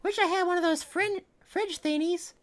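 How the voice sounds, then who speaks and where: Guy doing a loud tomboy pony girl, squeaky high falsetto, blunt and sporty, reading a pony fan story aloud. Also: steady tone, normal speed. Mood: grumbling.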